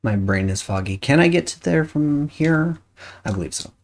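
A woman's voice: low voice, animated, normal speed, a little mellow. A woman streaming a video game, chatting casually and thinking aloud as she plays. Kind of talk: casual chat while playing a game.

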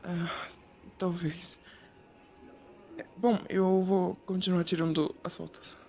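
A man's voice: high-pitched, flat delivery, slow pace, vocal fry, slight background noise, heavily acted. A man playing a shy, sweet young photographer. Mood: gentle. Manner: soft, gentle and bashful, addressing the listener. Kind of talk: whispered role-play.

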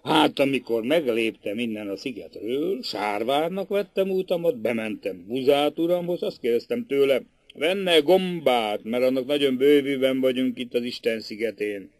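A man's voice: medium pitch, lively intonation, no echo. A man voicing a sly, cheerful old male vagabond who chuckles and teases as he talks. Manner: chuckling, teasing storyteller.

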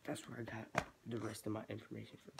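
In a small bedroom, a teenage boy who vlogs about keeping reptiles rambles casually about his hobby, thinking aloud as he works. He talks fast in a monotone, his voice stuffy from a cold with a gravelly fry at the bottom. The home webcam recording is noisy, with an obvious background hiss.

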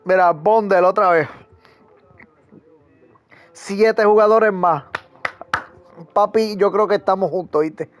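A man chatting casually while playing an online game with a friend, teasing him and breaking into excited shouts. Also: sits high, slow, pauses often. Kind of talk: casual gaming chat.

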